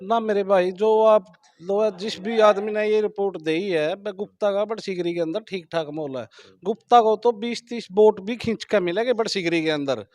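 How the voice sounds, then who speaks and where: High-pitched man, emphatic. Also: moderate pace, a little mellow. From Haryana, India. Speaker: villager interviewed about an election. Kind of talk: street political interview.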